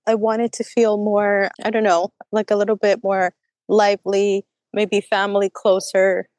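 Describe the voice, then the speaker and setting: A woman's voice: medium pitch, flat delivery, normal speed, a little mellow, dry recording. A woman in her thirties from the United States, speaking hesitantly as a coaching client and searching for her words. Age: 30s. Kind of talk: personal conversation.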